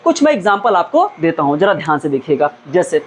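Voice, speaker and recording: A man teaching a grammar lesson in a fairly high voice, steadily posing questions and answering them himself. He repeats key words to drive them home. A faint hiss sits under the recording. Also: very animated, brisk. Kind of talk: classroom-style grammar lesson.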